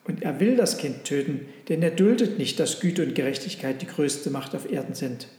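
A man voicing a calm, kind father and carpenter in a storybook reading, speaking reassuringly. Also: on the high side, normal speed, close to an everyday voice. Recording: roomy with long reverb.

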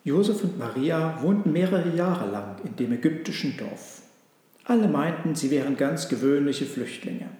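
A man reads a story aloud in a calm, measured way, his voice sitting a little high. He sounds as if in a very echoey room, with a long reverb trailing each phrase. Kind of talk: read-aloud storybook narration.

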